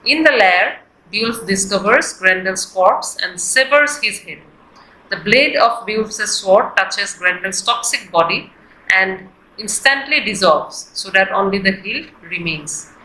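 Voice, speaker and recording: A woman giving a scripted, explanatory literature lesson in a deliberate, textbook-like manner. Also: mid-range voice, sharp tone. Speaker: literature teacher. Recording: echoey, roomy sound.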